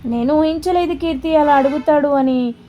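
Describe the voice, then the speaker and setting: A woman's voice: sits high, moderate pace, highs cut off, slight background noise, lightly acted. A woman voicing a stubborn, frustrated young woman who refuses orders in an indignant, defiant way.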